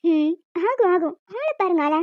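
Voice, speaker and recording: A woman voicing a shy but feisty young newlywed wife in an animated short, scolding and pleading with her husband. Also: very high-pitched, normal speed, lo-fi sound, a little hiss or hum. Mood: flustered scolding. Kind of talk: cartoon voice acting.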